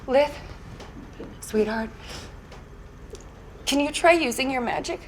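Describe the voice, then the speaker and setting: A woman's voice: high-pitched, slow, a little hiss or hum. A woman playing an anxious, loving mother who pleads for help in an audio drama. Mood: worried.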